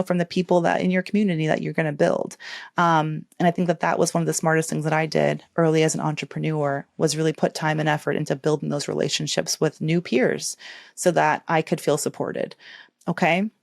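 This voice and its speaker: A woman's voice: low voice, steady tone, brisk, gravelly, no room sound, clean studio sound. A woman podcast host giving casual career advice in a chatty, encouraging way with playful asides.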